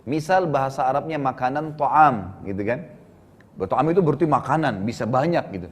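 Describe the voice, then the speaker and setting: A man preaching a sermon, telling a story with animated voice changes and a frequent conversational tag. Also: mid-range voice, normal speed. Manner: animated, acts out the dialogue of the story; says "gitu kan" often.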